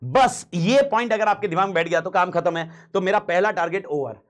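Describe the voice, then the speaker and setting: High-voiced man teaching in slangy style. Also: fairly quick, fairly bright tone. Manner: slangy, repeats points, mixes English phrases. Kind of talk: casual classroom lecture.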